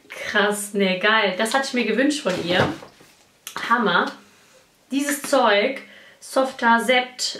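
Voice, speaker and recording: A young woman vlogging an unboxing in a gushing, excitable way. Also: fairly high pitch. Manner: gushing, excitable, squeals and laughs over gifts. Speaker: beauty vlogger. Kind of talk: casual unboxing vlog. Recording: echoey room, faint noise.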